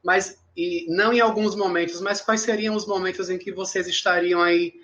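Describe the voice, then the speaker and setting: A man with a notably high voice moderating an online discussion over a video call. He asks long, winding questions and relays questions sent in by the audience. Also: fairly even intonation, moderate pace, pushed and bright, lo-fi sound, slight background noise. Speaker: panel mediator. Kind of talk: live online panel talk.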